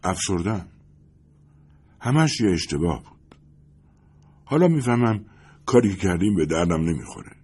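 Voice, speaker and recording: Man reading a glum, fed-up guy, husky and low, audiobook. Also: expressive, long pauses, mellow. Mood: gloomy. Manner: weary, impatient replies. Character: gloomy, irritable man regretting his choices.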